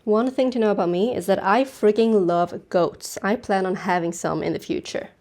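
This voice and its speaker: Young woman doing vlog voiceover, chatty and upbeat, mellow soft tone. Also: medium pitch, moderate pace, slight background noise. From Sweden. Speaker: travel vlogger. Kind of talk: vlog voice-over narration.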